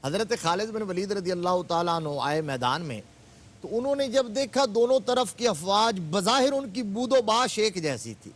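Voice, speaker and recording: A man's voice: high voice, sing-song. A man, a religious scholar guest on a TV studio program, retelling history with fervor and rising emphatic stresses. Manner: fervent, building to emphatic exclamations. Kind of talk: religious TV discussion, storytelling.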